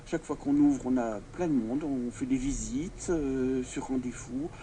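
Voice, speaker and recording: A man's voice: mid-range voice, a little slow, warm tone. A man giving hesitant, piecemeal interview answers as a local association member inside a church. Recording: church interior with background noise.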